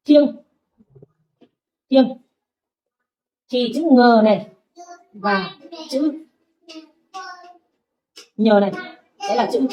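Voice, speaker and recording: A woman teaching Vietnamese, patiently saying sounds slowly for her student to repeat. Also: on the high side, warm tone. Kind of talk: pronunciation drill lesson. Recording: dull lo-fi recording.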